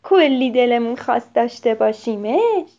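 Woman doing a squeaky excited kid, high and jumpy, mellow, kinda dull recording. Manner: squealing with delight. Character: excited little child, eager and generous.

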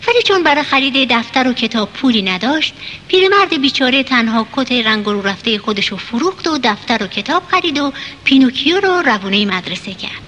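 A woman narrating a children's storybook in a lively, expressive way. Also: sits high, slight background noise. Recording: narration over loud music.

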